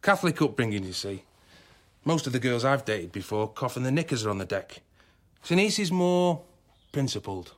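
An actor playing a smarmy, breezy boss in a radio sitcom, glib and chummy. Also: male voice, medium pitch, very animated, moderate pace, close to an everyday voice. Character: smarmy, breezy young male boss who discards his friends.

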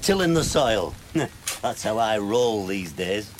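An actor playing a self-pitying gardener, wistful and grandiloquent in a radio sitcom. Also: male voice, lowish voice, very animated, slow, background noise. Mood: sly. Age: 30s. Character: weary, self-pitying male gardener in his thirties, cast out by his boss.

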